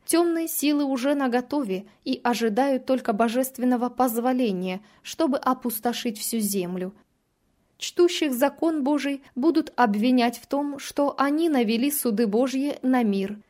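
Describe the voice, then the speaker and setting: A woman's voice: high-pitched, darkish tone. Woman solemnly reading devotional scripture. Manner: measured and solemn. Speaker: reader of a religious text.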